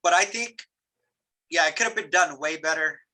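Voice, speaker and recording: A man's voice: fairly high pitch, normal speed, pushed and bright, low-quality recording. A man leading a meeting on a video call, talking informally and rambling a bit with restarts. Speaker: meeting facilitator. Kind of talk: casual meeting talk.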